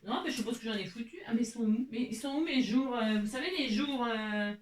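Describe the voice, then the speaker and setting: A woman's voice: on the high side, fast, echoey room. A French woman chatting in a rambling way, talking to herself as she leads a crafting tutorial at home. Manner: rambling, talks to herself, many "hein"s. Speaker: crafting vlogger.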